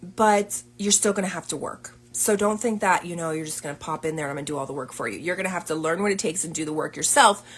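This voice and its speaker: A woman's voice: lowish voice, fast. A woman business coach chatting casually on a livestream, upbeat and full of fillers.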